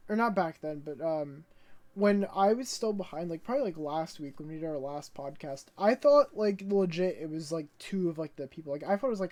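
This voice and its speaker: A man's voice: a little high, darkish tone. A young man co-hosting a podcast, recapping episodes chattily, with frequent restarts and fillers. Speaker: podcast co-host. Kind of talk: casual recap chat.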